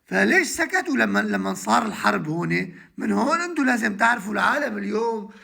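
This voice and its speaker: A man with a Syrian accent, delivering an emotional live monologue from home, halting with many restarts and trailing words. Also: high voice, expressive, creaky, sharp tone. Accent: Syrian Arabic. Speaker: livestream host addressing followers.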